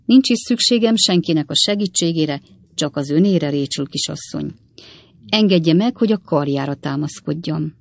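A woman voicing a sentimental middle-aged gentleman in a storybook reading, pleading and earnest. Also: deep voice, lively intonation, creaky, dry recording, heavily acted. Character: fussy middle-aged gentleman, lovesick and dramatic.

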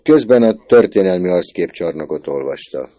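A man with a very deep, dark voice narrates a novel as an audiobook. His delivery is measured and even, unhurried. The tone is mellow and low throughout. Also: dry recording. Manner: measured storytelling.

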